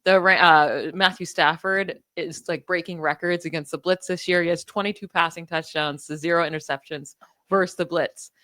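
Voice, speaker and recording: A woman with a New York accent co-hosts a casual sports chat, her voice sitting on the low side. She talks confidently and piles on stats. The sound is close and dry. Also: steady tone, bright, forceful tone, no room sound. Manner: stat-heavy, confident, quick asides. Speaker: podcast co-host.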